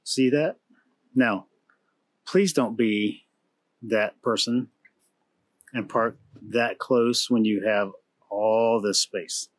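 Inside an RV and later out at a campground, a man in his thirties who vlogs about travel tells the story of a road trip in a relaxed, casual way, peppered with fillers and restarts. His fairly low voice draws out words and leaves long pauses.

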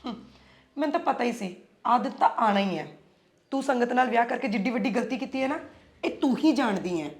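A woman's voice: a little high, expressive, fairly quick. A woman with a Punjabi accent, acting in a short film, talking in a scolding, worried way. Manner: scolding, worried older sister.

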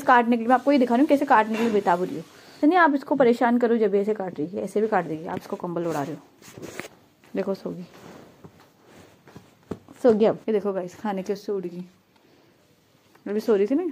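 A woman vlogging at home on her phone, chatting to viewers and calling out to her dog in a high singsong. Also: darkish tone, slight background noise. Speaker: pet vlogger. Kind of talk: casual vlog talking to camera and dog.

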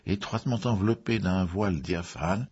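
Low, husky male narrator. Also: darkish tone, highs cut off. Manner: measured, with occasional fillers. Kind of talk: audiobook reading.

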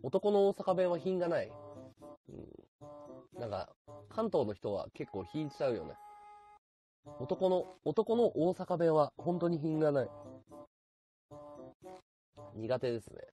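A man from Chiba chatting casually on his live stream, answering viewer comments in a relaxed, chatty way. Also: on the high side, takes it slowly, long pauses, soft background music. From Chiba, Japan. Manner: relaxed, chatty, talks back to chat comments.

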